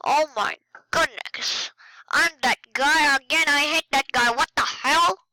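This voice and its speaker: A woman's voice: high-pitched, a little slow, no room sound, low-quality recording. A woman hosting a casual gaming video, talking to viewers as she plays and exclaiming at what happens on screen. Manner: excitable, exclaiming at the game. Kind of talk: casual game commentary.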